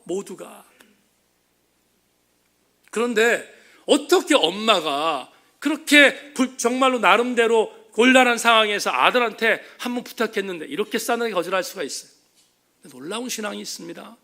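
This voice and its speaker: Bright-voiced, gravelly man preaching. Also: sits high. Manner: impassioned preaching, swelling to loud emphatic peaks. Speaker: pastor. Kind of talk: sermon. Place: church sanctuary.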